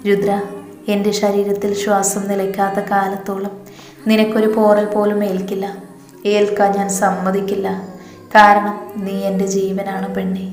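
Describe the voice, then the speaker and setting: A woman voicing a fierce, protective young man who is gentle with the woman he loves, in an echoey room. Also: mid-range voice, monotone, moderate pace, close to an everyday voice. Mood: tender. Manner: tender toward his beloved, harsh toward foes.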